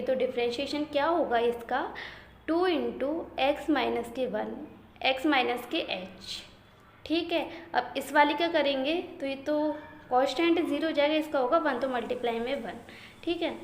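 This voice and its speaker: A woman teaching math step by step, often asking the class a question and checking they follow. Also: sits high. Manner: slow, step-by-step, repeated questions and "theek hai" checks. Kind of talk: blackboard math lesson in Hindi-English mix. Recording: echoey room with faint ambient noise.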